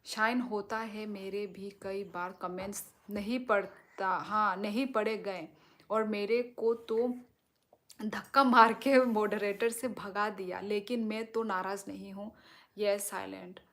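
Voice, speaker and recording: A woman's voice: medium pitch, fairly even intonation, slow pace, fairly bright tone. Woman, live stream host, chatty, reassuring, talks straight to viewers. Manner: talks directly to viewers, reassuring and explaining at length. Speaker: livestream host. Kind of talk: live stream chat reading comments.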